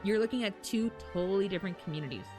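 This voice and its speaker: With a mid-range voice at a racing pace, a woman livestreams games and chats animatedly with her audience. Occasional casual swearing and chuckles pepper her talk, while game music and character voice lines sit faintly in the background.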